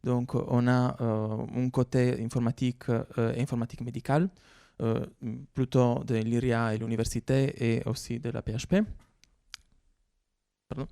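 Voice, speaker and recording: A man's voice: mid-range voice, level tone, normal speed, vocal fry, dark tone, clean tone, no echo, studio quality. A man with an Italian accent giving a conference talk as a researcher, hesitant with many fillers. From Italy. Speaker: researcher presenting. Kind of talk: conference presentation.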